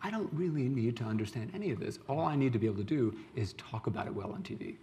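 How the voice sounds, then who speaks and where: A man on a panel rattles off his point at a quick clip, wry and pressing. A low hiss sits faintly under his voice. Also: expressive, warm tone. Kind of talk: panel discussion comment.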